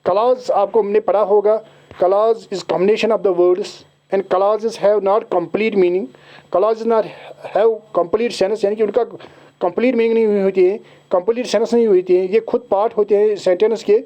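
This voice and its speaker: A male teacher with a Kashmiri accent explaining an exam syllabus to his students, switching into slow, deliberate English at times. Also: high-pitched, fairly even intonation, dark tone. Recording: dull lo-fi recording.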